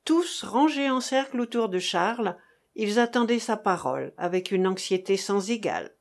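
A woman narrating a chapter of a novel as an audiobook, with a measured, dramatic reading. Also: mid-range voice, expressive. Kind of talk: scripted narration.

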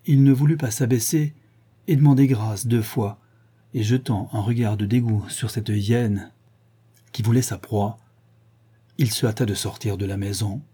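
A man narrating a classic novel as an audiobook in a measured, expressive way. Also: lowish voice, slightly rough.

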